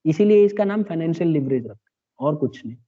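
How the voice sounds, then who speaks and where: A man's voice: a little high, expressive, brisk, warm tone. A man teaching a classroom lecture, explaining step by step and checking in with his students. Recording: dull lo-fi classroom recording.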